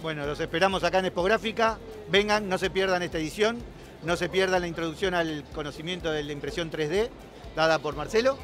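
A man's voice: high voice, fairly quick, over music. A middle-aged man, hosting and interviewing at a busy expo, speaking in an upbeat promotional way into a handheld mic. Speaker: event host interviewer. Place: busy indoor expo hall.

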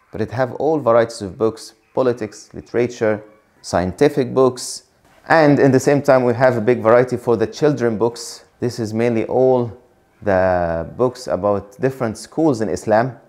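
A man's voice: mid-range voice, darkish tone. A man in his thirties, raised in Egypt, speaking as a librarian giving a formal, courteous guided tour. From raised in Egypt, born in London. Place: indoor library.

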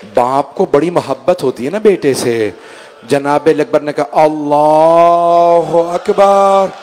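A man's voice: on the high side, animated, normal speed, a little mellow. A man delivering a mournful sermon recitation, emotional and grieving, speaking directly to his listeners.

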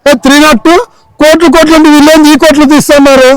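A man with a very high voice plays a bossy officer in a comedy sketch. He scolds and repeats himself, talking quickly. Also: level tone, over a noisy crowd, poor audio.

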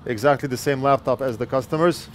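This is a fortyish male repair technician narrating an electronics repair at his indoor bench as he goes. He speaks plainly and explains things into a wired earpiece headset mic, using a mid-range voice at a fast clip over slight background noise.

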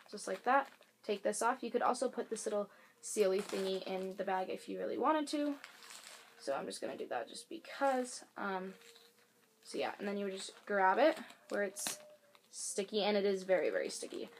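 Young woman vlogger, mid-range voice, loose filler-heavy demo talk, home camera audio with faint hiss. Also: mid-range voice. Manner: rambling, filler-heavy, self-correcting. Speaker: beauty and advice vlogger. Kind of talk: casual product demonstration. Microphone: camera mic. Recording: faint hiss from air conditioner.

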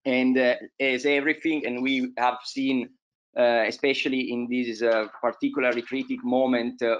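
A man's voice: medium pitch, highs cut off. Hesitant man giving a dental lecture. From Italy. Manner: hesitant, many filler sounds. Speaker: periodontology lecturer. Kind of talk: online conference presentation.

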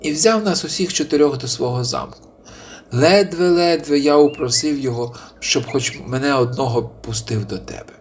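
A man voicing a clever little male hare who speaks very politely and flatteringly, pleading and scheming, in a storybook reading. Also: a little high, moderate pace, slight background noise, lightly acted.

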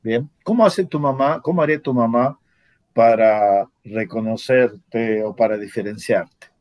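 A man's voice: mid-range voice, unhurried, dry recording, dull audio. An older man with an Argentine accent, a former chemistry professor telling a story in a casual chat, acting out the dialogue with laughter and swearing. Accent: Argentine Spanish.

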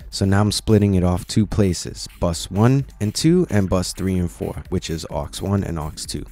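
A man casually explaining software steps one at a time in a screen-recorded tutorial, with lots of "you know"s. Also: sits low, animated, moderate pace, faint music behind. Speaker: tutorial presenter.

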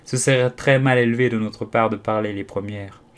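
A man's voice: mid-range voice, fairly even intonation, normal speed, smooth, close to an everyday voice. Snide talking rose, condescending, critical remarks, storybook reading, a man voicing it.

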